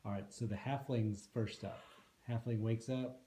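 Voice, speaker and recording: A man's voice: mid-range voice, steady tone, normal speed, dark tone. A man casually narrating a tabletop fantasy game as game master. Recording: echoey room, faint background noise.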